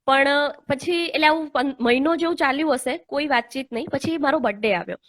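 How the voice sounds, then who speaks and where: A woman's voice: high voice, fairly quick, fairly bright tone. A young adult woman hosting a casual online live chat, telling a personal story in an earnest, heartfelt way with many hesitant fillers. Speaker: host. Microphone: online live call.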